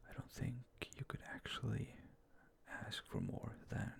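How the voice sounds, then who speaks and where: Slow, creaky whispering man doing ASMR. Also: fairly low pitch, huge pitch swings. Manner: slow, hesitant, mindful, self-effacing. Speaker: ASMR video maker. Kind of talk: whispered ASMR, casual rambling talk with a countdown. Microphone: close ASMR microphone with fluffy cover.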